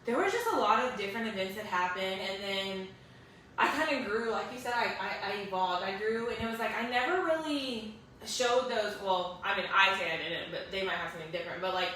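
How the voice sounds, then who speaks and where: A young woman speaks earnestly and emotionally, her voice bright and forceful. She sits away from the microphone in a very echoey room. Faint hiss runs underneath. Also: medium pitch, brisk, recorded from a distance. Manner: earnest, emotional, many fillers. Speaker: guest sharing her story. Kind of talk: emotional personal storytelling.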